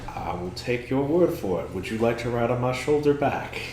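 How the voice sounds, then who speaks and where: A man's voice: mid-range voice, expressive, moderate pace, darkish tone, a little hiss or hum. A man playing a tabletop role-playing game, talking casually in and out of character. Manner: casual, sweary. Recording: roomy echo, faint music behind. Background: faint music.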